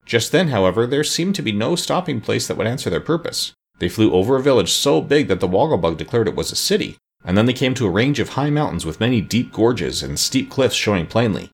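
A man narrating a storybook in an expressive, measured way. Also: mid-range voice, breathy edge.

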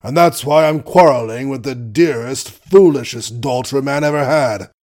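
A man's voice: medium pitch, moderate pace, a little mellow, lightly acted. A man reading the part of a blustering, doting old colonel who swears mildly and teases his daughter.

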